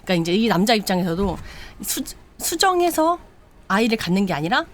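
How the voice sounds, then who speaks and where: A woman hosting a late-night live stream, chattily retelling a drama story with quick asides. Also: medium pitch, very animated, slight background noise. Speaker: live show host.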